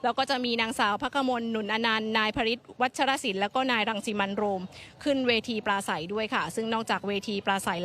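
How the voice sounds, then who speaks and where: A woman's voice: on the high side, slight background noise. A woman presenting live news, narrating a report to viewers. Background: loud music.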